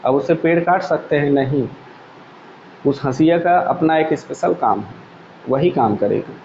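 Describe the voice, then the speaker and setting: A man's voice: a little high, measured pace, vocal fry, darkish tone. Male teacher, step-by-step explanations, dull recording, faint background hum. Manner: explains step by step with everyday examples, asks the class questions. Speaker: computer teacher. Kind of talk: classroom lecture. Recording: echoey room, dull lo-fi sound, faint hum.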